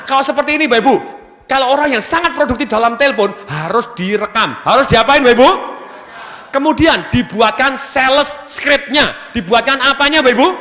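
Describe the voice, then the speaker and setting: A man giving a motivational business seminar to a live audience, energetically firing questions for them to finish. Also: very high voice. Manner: energetic, keeps asking the audience fill-in questions. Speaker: seminar speaker. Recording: long hall reverb from a venue PA.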